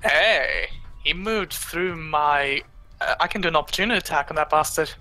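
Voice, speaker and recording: Male player, higher, bright voice, quick rules talk. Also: slight background noise.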